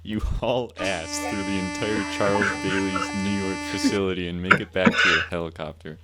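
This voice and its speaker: A man reading an AI text adventure aloud in a flat, low-key way. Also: normal speed, over loud music. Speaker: player narrating.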